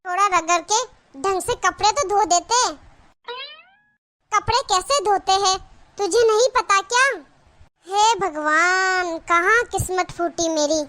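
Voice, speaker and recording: A woman's voice: very high voice, pushed and bright, heavily acted. A woman voicing a scolding, taunting middle-aged village mother-in-law in a cartoon. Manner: nagging, taunting. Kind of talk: cartoon voice acting.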